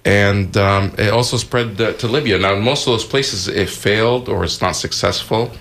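A man's voice: on the low side, normal speed, fairly bright tone. A man from Egypt co-hosting a live radio talk show in a studio, explaining events hesitantly with many fillers and restarts.

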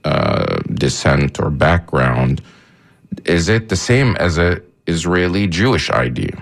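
A man's voice: a bass voice, expressive, slow, vocal fry. A man interviewing a guest, probing and restating points as questions.

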